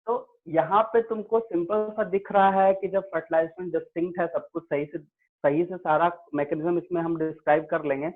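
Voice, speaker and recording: A man's voice: high voice, fairly even intonation, moderate pace. Man teaching over tinny online audio. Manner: explains in Hindi-English mix, quizzes students, repeats "ठीक है". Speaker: biology teacher. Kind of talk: online class lecture.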